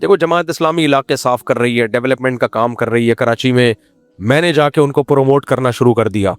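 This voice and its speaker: A man answers questions as a religious scholar, teasing his listeners and mimicking the pleas he suggests. His voice is mid-pitched and sits close and dry on the mic, with a faint bed of music behind it. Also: clean tone, no echo. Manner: humorous, teasing, acts out quoted pleas.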